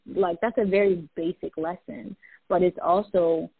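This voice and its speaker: A woman's voice: lowish voice, fairly even intonation, measured pace, breathy edge, dry recording. A woman who is a poet and public speaker, talking reflectively in casual conversation with lots of "like" fillers. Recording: tinny phone-like line.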